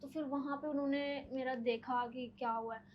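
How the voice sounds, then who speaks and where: A young woman, a podcast guest, telling personal stories in a casual, animated way, often using filler words. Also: sits high, normal speed, dull audio, slight background noise. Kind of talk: casual storytelling.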